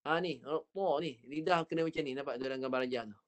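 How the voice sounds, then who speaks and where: A man with a Malaysian Malay accent teaching Quran recitation online, patiently coaching a student and slowly demonstrating each sound. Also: mid-range voice. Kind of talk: online Quran reading lesson.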